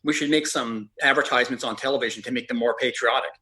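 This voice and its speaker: A middle-aged man from Canada answers questions in a rambling way, pausing and starting over. He talks quickly, and his voice sounds bright and forward. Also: mid-range voice, fairly even intonation, poor audio. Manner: rambling, with hesitations. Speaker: podcast guest, traveler. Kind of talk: casual interview answers.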